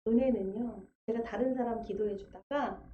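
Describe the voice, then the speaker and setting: A woman's voice: on the high side, moderate pace, a little hiss or hum. A woman preaching a testimony sermon in a church, telling her story vividly and acting out the voices she quotes. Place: church sanctuary. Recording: echoey church livestream, dull sound.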